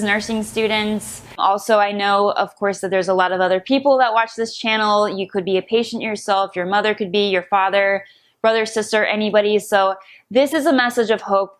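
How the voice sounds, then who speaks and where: A woman nurse hosting her channel, introducing a guest in an earnest, chatty way with frequent fillers. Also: medium pitch. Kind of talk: casual introduction to camera.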